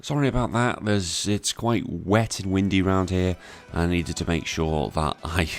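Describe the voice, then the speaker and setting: A man's voice: low voice, moderate pace. A young British man giving casual game battle commentary, keeping his voice down and subdued at night. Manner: subdued, hushed voice kept down at night. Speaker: gaming content creator. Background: clear background music.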